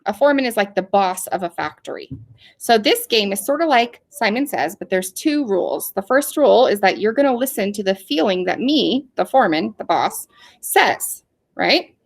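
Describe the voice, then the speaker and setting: A woman teacher giving a recorded lesson to young children in an encouraging, animated manner. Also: mid-range voice, moderate pace. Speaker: elementary school teacher.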